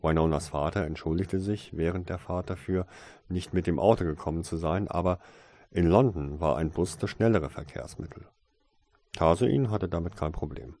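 A man calmly reading a story aloud as an audiobook narrator, in steady storytelling narration. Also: low voice, moderate pace, dry recording. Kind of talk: scripted narration.

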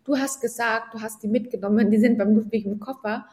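A woman chatting casually, her slightly high voice carrying a roomy echo. She talks in a direct, teasing way. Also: fairly even intonation, a little fast, a little mellow. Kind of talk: casual chat.

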